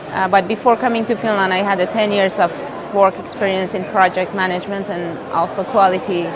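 A woman's voice: mid-range voice, flat delivery, a little fast, background noise. A woman in her thirties from Iran, a student, answering interview questions hesitantly, searching for words. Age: 30s. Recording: crowd chatter behind.

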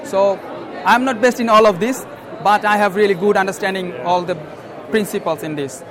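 High-voiced man, hesitant, crowd around. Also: normal speed. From Bangladesh. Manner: hesitant, many filler sounds. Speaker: interviewee, master's student. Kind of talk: casual interview answers. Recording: crowd chatter behind.

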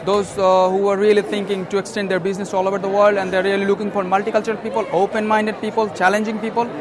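A man's voice: sits high, little pitch movement, quick pace. A man from Bangladesh, a master's student, answering interview questions hesitantly with many fillers. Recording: crowd chatter behind.

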